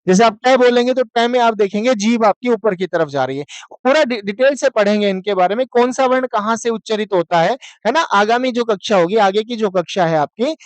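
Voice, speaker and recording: A high male voice, recorded without echo, explains an online Sanskrit lesson to students. He alternates Hindi commentary with Sanskrit passages read aloud, quizzing the class and then answering his own questions while drilling each syllable in turn.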